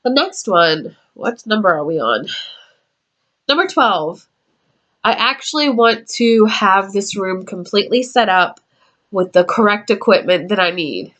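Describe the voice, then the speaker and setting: A woman's voice: medium pitch, lively intonation, measured pace, a bit bright. A woman in her twenties talks casually to camera from her room at home, chatty and meandering, with frequent ums as she works through a list. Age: 20s. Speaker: YouTuber. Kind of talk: casual vlog talk.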